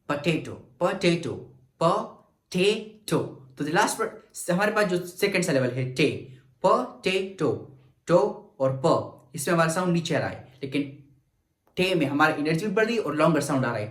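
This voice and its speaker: A man from Pakistan, teaching an English grammar lesson and slowly stretching and repeating words to show syllable stress. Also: medium pitch. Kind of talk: grammar lecture mixing Urdu and English. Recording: echoey room.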